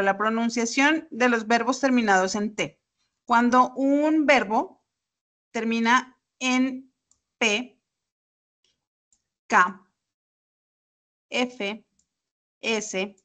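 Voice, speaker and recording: A woman teaches over a video call, talking slowly and patiently. Her voice sits somewhat high, and she builds each point step by step with examples. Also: fairly bright tone. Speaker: English teacher. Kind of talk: online class explanation. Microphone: computer mic on a video call.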